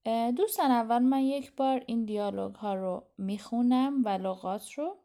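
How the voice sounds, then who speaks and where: A woman teaching a language lesson. She says words slowly and clearly, translates them, and explains pronunciation. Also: on the high side, warm tone. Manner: reads Turkish words slowly, then translates them into Persian; gives explanations quickly and clearly.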